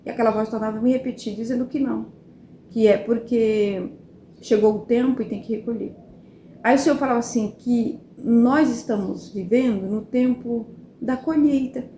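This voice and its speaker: A Brazilian woman with a fairly high, mellow voice recounts a religious vision. She speaks emotionally and haltingly, repeats her words and keeps appealing to her listeners. The recording sounds roomy, with a faint hiss behind her. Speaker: evangelical testimony speaker. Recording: roomy echo, faint background noise.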